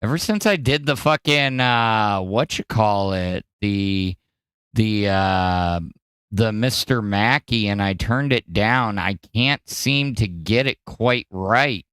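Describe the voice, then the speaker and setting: A man hosting a podcast in casual, profane commentary, animated and jumping between loud outbursts and mumbles. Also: on the low side, takes it slowly, clean tone, no room sound. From Wisconsin. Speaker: podcast host. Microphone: studio mic in front of green screen.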